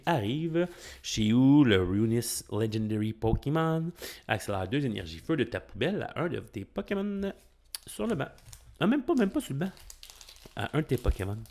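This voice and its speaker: A middle-aged man speaks with a Québécois French accent in a relaxed, chatty card-opening commentary. His voice sits at an ordinary pitch, but it leaps up and down with real animation. He exclaims often and works things out aloud as he goes. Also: creaky. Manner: excitable, exclaims and thinks aloud.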